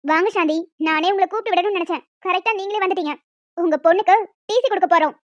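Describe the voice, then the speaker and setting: A performer voicing a stern, snobbish schoolteacher in a cartoon, cold and haughty. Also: female voice, extremely high pitch, very fast, dry recording. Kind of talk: cartoon voice acting. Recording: dull lo-fi dry recording.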